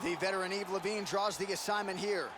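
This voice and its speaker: A man's voice: sits high, steady tone, brisk, over a noisy crowd, very noisy. A man giving play-by-play sports commentary on a fight.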